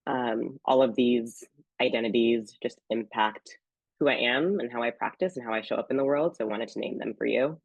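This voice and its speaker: A woman's voice: very deep voice, normal speed, breathy edge, dry recording. A woman psychologist with a slight cold, giving an earnest online workshop talk with many ums. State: sick, getting over a cold. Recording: dry, dull lo-fi sound.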